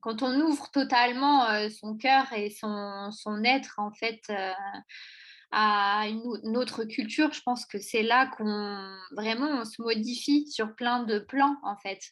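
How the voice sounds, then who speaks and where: A woman's voice: on the high side, slow, fairly bright tone. A woman hosting a casual podcast interview, speaking reflectively with frequent fillers. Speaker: podcast host.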